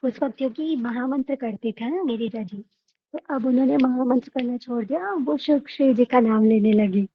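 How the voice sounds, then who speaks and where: A woman's voice: fairly high pitch, normal speed, highs cut off. A woman telling a devotional story with emotive delivery, repeating phrases for effect.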